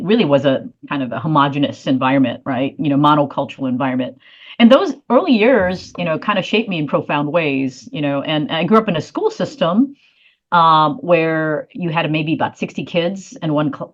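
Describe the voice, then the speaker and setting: Low-voiced woman, thoughtful interview guest. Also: highs cut off. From South Korea. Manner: thoughtful, many fillers and restarts. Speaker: guest, leadership consultant. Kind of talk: conversational interview answers.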